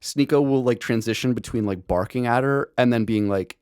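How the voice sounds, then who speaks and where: A man's voice: mid-range voice, fairly quick, darkish tone, smooth, dry recording, studio quality. A young man hosting a casual podcast chat, rambling and profane, with lots of restarts and laughter. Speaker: podcast host.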